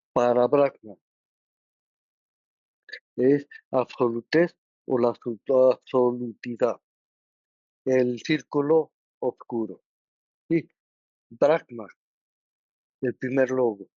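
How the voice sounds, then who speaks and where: Man, Mexican Spanish accent, slow deliberate teacher, dry dull lo-fi recording. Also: medium pitch, fairly even intonation, mellow, no room sound. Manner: checks understanding with frequent tag questions; halting, with many restarts and filler words. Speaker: study group teacher. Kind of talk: explanatory lesson.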